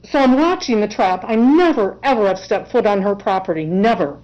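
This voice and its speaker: An emotional woman testifies in her own defense, earnest and insistent. Her voice sits at an everyday middle pitch. The courtroom recording is dull and muffled. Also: expressive, fairly quick, darkish tone. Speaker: self-represented respondent in court.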